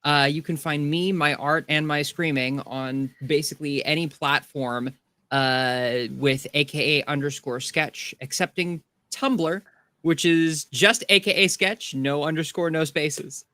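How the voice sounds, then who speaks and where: A woman hosting as game master of a tabletop game stream, speaking haltingly with many fillers. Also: low-pitched, steady tone, a bit bright, dry recording. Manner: halting, many ums and uhs.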